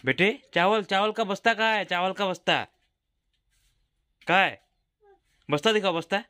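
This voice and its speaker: Bright-voiced dad coaxing his child. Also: sits high, normal speed, no echo. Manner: coaxing, repeats questions over and over. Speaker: father filming his daughter. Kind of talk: casual home vlog. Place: home, indoors.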